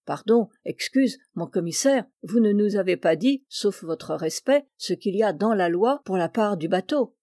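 A woman's voice: mid-range voice, expressive, moderate pace, few pauses, dark tone, dry recording, clean studio sound, lightly acted. A woman voicing a stubborn, proud fishing-boat skipper who insists on his point with rustic indignation. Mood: insistent.

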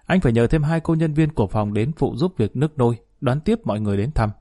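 A man narrating a story audiobook in a measured, even manner. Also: medium pitch.

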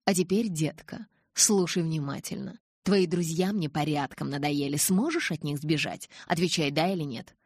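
A menacing male kidnapper, read by a woman in an audiobook, calm and mocking as he gives his orders. The voice sits low and slightly husky. The recording is close and dry. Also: moderate pace, few pauses, dry recording. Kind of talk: audiobook character voice.

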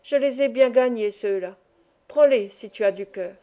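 A woman's voice: fairly high pitch, normal speed, mellow, close to an everyday voice. A woman reading the part of a bitter, scornful young male thief in an audiobook. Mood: amer. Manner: angry reproachful.

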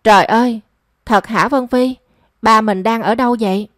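A remorseful young woman pleads and worries aloud, as a woman narrator voices her. Her voice is a little high and sounds dry and close. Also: normal speed, no room sound, natural voice. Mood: anxious. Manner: pleading and emotional. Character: young daughter, remorseful and anxious.

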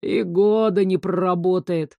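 A coarse, grumbling workman, stubborn and scornful, as a woman reading the story puts him on. Voice dips low and gruff, close and dry. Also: steady tone, a little slow, dry recording, narrow, tinny audio.

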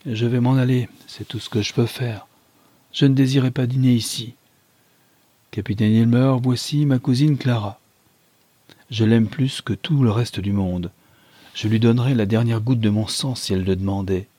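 A blunt, hot-headed young countryman, voiced by a male reader, curt and quick to threaten. The voice is husky and dark, recorded dry and close. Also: medium pitch, steady tone, no echo, close to an everyday voice. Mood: angry, blunt. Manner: curt and angry.

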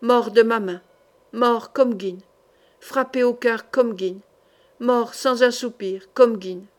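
A woman's voice: on the high side, slow. A woman reader voicing an exhausted, starving knight who stays courteous as he speaks faintly and strainedly. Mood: murmuring.

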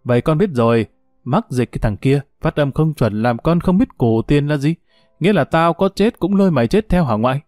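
A man's voice: on the high side, animated, brisk, a little mellow, no echo, studio quality, soft background music, close to an everyday voice. A man doing a curious chatty little grandchild. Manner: eager, questioning.

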